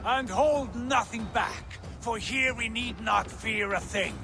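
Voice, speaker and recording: An actor playing a boastful, battle-loving Viking warrior in a video game, in a grand, taunting, declamatory manner. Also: male voice, very high voice, takes it slowly, vocal fry, full character voice. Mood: rousing. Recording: game audio under loud music. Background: loud battle music.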